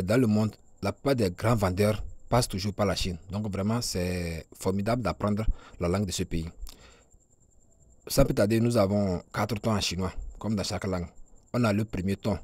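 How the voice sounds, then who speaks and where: Man, low voice, hesitant teacher, many fillers, slow drilled sounds, dry close sound. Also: a little mellow, breathy edge, no room sound. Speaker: Chinese language teacher. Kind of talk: casual spoken lesson.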